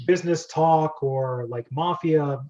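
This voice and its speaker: The host of a script-reading club chats over a video call, his fairly high voice unhurried and dark in tone. He's enthusiastic and rambling in this casual group conversation, heard through dull, lo-fi call audio.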